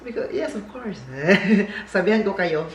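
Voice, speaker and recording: A man's voice: high-pitched, moderate pace. A man with a Filipino accent, chatting casually and jokingly as a vlogger, with rambling asides. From Philippines. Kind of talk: casual vlog chat. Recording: echoey room, faint background hiss.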